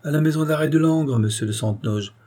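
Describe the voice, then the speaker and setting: A man's voice: a little high, quick pace, warm tone, voice pushed up, natural voice. A man reading an impassive gendarme sergeant in an audiobook, formal and matter-of-fact.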